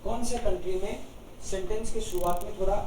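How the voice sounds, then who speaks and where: A man teaching a German lesson, explaining each German sentence slowly in Hindi. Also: high voice, far from the mic, background noise. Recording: echoey room, voice from off-mic.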